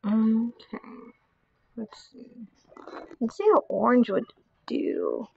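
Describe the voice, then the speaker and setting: A woman's voice: fairly high pitch, takes it slowly, creaky, muffled recording, slight background noise. A woman with a Southern American accent hosting a casual painting vlog, talking to herself as she works and often dropping to a mutter or whisper. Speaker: art channel host.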